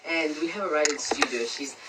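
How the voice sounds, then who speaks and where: A woman hosting a casual radio interview in a studio, playful, with quick asides and frequent laughs. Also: sits low, very noisy. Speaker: radio host.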